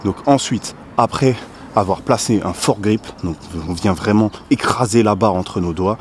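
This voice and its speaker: A fitness coach with a lowish voice explains pull-up technique at a normal speed for an instructional video, often checking in with the viewer and repeating "d'accord." He strains audibly while demonstrating, and there's slight background noise.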